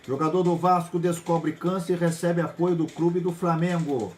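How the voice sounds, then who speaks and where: A man with a Brazilian accent, hosting a news program and reading a run of headlines in a brisk delivery with occasional slips. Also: a little high, steady tone. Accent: Brazilian Portuguese. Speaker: news host.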